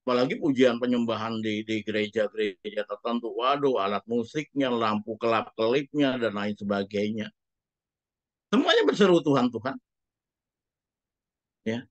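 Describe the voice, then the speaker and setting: A man's voice: medium pitch, lively intonation, normal speed, no room sound, dull audio. A man preaching a sermon as a pastor, speaking emphatically and putting rhetorical questions to the congregation.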